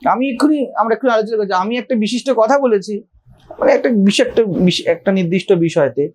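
A monk giving a spiritual discourse, explaining patiently and checking that listeners follow with rhetorical questions. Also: male voice, high-pitched, darkish tone.

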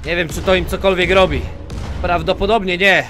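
A man giving let's play commentary, talking to himself and switching between low mutters and sudden yelps. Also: steady tone, brisk, fairly bright tone, a little hiss or hum. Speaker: gaming YouTuber.

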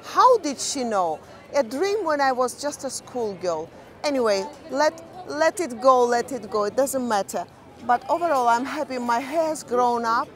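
A woman's voice: high voice, expressive, unhurried, fairly bright tone. A woman co-hosting a travel vlog, chatting casually and searching for words as she walks along a busy outdoor harbour at night. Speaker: vlog co-host. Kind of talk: casual chat while walking. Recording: noisy crowd behind. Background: crowd chatter.

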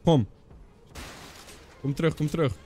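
A man's voice: a little high, unhurried, mellow, slight background noise. Young man with a stuffy nose, gaming commentary. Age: young adult. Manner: mixes in English slang. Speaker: streamer. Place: indoor streaming setup. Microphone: close boom microphone.

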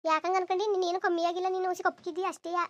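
A woman's voice: very high-pitched, little pitch movement, very fast, dry recording. A woman voicing a doting, protective mother in a cartoon, who fusses and laments over her son. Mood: indignant. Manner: fretful, lamenting, indignant. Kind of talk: cartoon voice acting.

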